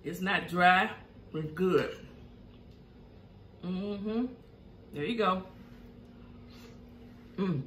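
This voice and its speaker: Eating at a table at home, a middle-aged Southern US woman hosts a mukbang, humming over each bite between chatty remarks and reading out viewer comments. She speaks very slowly with long pauses in a fairly low, fairly bright voice, and the sound is roomy with slight background noise.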